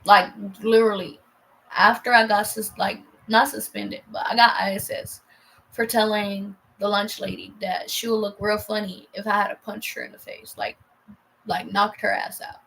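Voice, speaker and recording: A woman's voice: medium pitch, flat delivery, normal speed, vocal fry, a bit bright, rough recording. A young woman casually telling a personal story on a vlog, heated and profane, rambling with lots of fillers and restarts.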